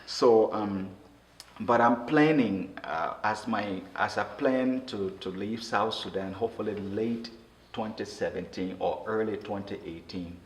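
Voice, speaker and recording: A man from Liberia, speaking earnestly in an interview and often halting and restarting his words. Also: on the low side. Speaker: interview guest. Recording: roomy echo with faint noise.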